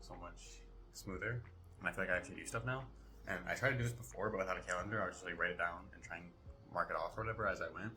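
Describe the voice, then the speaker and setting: A young man talking casually to camera in a devlog, relaxed and rambling as he explains his work. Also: low voice. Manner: relaxed, rambling, self-correcting. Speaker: vlogger and self-taught developer.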